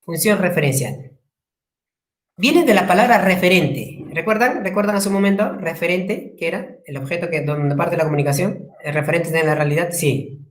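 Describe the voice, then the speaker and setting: A man's voice: on the high side, lively intonation, moderate pace, reverberant. A male language teacher giving a classroom lecture, repeating key terms, spelling words out and asking the class rhetorical questions.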